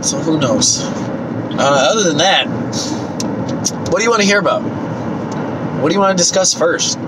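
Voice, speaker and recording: A man's voice: a little high, lively intonation, normal speed. A man in his thirties with a stuffy nose from a cold, chatting casually as a vlogger, his voice a little worn. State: getting over a cold, coughing, voice tiring. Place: inside a moving car. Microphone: phone mounted at arm's length. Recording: loud car road and vent noise.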